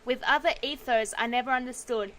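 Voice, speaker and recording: A woman's voice: fairly high pitch, a little fast, fairly bright tone, slight background noise. A woman streamer reading detective game narration aloud, breaking off for sudden outbursts and swearing. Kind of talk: reading game text aloud with casual reactions.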